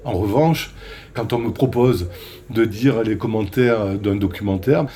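A man who works in television, with a southern French accent, telling an anecdote in a measured way. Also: on the low side, warm tone. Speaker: television presenter. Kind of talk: reflective interview testimony.

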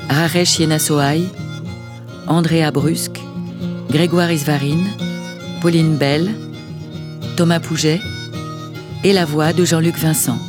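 A woman reading out the closing credits of a radio drama in a formal way. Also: deep voice. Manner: slow, formal. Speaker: credits announcer. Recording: music playing behind.

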